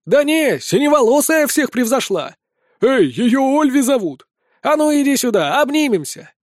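A man voicing a crowd of rowdy, drunken female succubi who are shouting out from their tables. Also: very high voice, very animated, normal speed, no room sound, clean studio sound, pitched above the performer's own voice. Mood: rowdy teasing. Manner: loud teasing tavern shouts.

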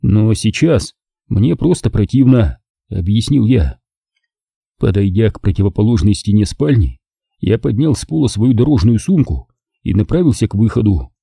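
A man narrating a first-person novel as an audiobook, reading in a lively, expressive way. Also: on the low side, normal speed, vocal fry, husky, dry recording, clean studio sound.

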